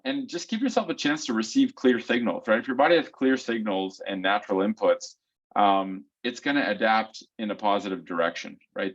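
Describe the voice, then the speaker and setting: A man's voice: lowish voice, dull audio. A man co-hosting a community Q&A call, explaining things step by step and often checking in with "right?". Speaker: co-host of a foot health community call. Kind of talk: casual explanatory Q&A answers. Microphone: video call.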